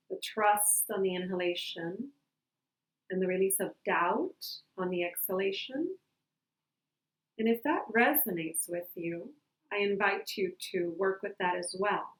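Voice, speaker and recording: Slow, calm woman guiding a grounding meditation. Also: mid-range voice. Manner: calm, gentle, unhurried with long pauses. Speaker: meditation guide. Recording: roomy, echoing sound.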